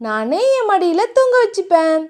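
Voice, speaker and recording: A woman's voice: very animated, moderate pace, a little mellow. A woman voicing an innocent, playful young heroine in a romance audiobook, with a childlike, cheerful way of speaking. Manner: childlike, cheerful, high and sing-song.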